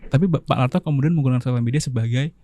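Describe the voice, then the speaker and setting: A man's voice: medium pitch, very fast, dark tone, dry recording. A man with an Indonesian accent hosting a podcast, chatty and often summing up the guest's words back to him. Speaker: podcast host. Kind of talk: casual interview talk.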